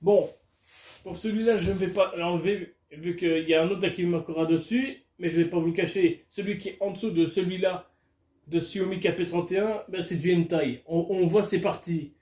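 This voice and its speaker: High-voiced man joking crudely in an echoey room. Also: steady tone, normal speed, mellow. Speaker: vlogger. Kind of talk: casual unboxing chat. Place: alone in a room at home. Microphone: camera filming him.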